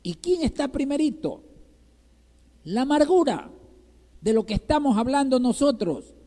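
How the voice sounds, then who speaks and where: A man's voice: extremely high pitch, very animated, measured pace, dark tone. A male pastor from Ecuador preaching a sermon in Ecuadorian Spanish, asking the congregation rhetorical questions and checking with them again and again. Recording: reverberant church hall.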